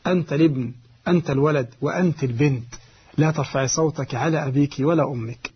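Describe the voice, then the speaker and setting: A man preaching a sermon, exhorting his listeners with slow, emphatic repetition. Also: a little high, husky, lo-fi sound.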